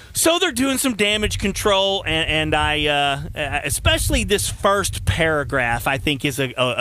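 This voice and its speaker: Man, radio talk host, bright forceful voice, slightly high, chatty storyteller. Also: no echo. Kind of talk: local radio chat.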